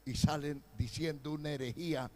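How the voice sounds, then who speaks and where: Un pastor predicando un sermón con énfasis, alternando pasajes pausados con arrebatos fuertes e imitaciones burlonas. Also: male voice, a little high, steady tone. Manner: emphatic preaching with sudden loud outbursts and mocking quoted voices. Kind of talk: sermon.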